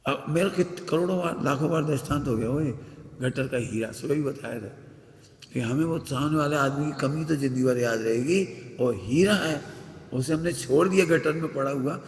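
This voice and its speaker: A man's voice: fairly high pitch, normal speed. Blunt male preacher in echoey hall. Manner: blunt, scolding, emphatic. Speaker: religious teacher. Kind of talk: sermon. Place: temple hall. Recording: echoey hall with long reverb.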